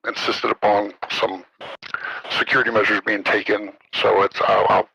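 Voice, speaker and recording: A man's voice: lowish voice, little pitch movement, moderate pace, vocal fry, bright, forceful tone, slightly rough, dry recording, rough recording. A man speaking through a voice alteration that disguises his identity, a former military official talking carefully and hesitantly, with many ums and uhs, in a podcast interview.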